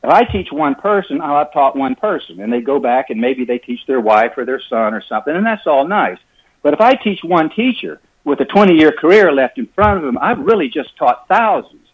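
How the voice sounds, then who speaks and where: An enthusiastic man in his sixties telling stories as a golf instructor being interviewed, energetic, over a clipped phone connection. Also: on the high side, a little fast, breathy edge, muffled recording. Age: 60s. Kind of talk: phone interview, animated storytelling.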